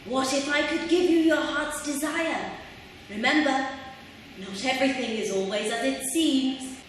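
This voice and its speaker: A woman plays a mysterious, kindly fairy godmother on the pantomime stage. The voice is high and lilting, declaimed slowly and deliberately. It rings from far off in a big echoey hall. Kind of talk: theatrical stage pantomime, partly rhyming. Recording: distant mic in echoey hall, faint noise.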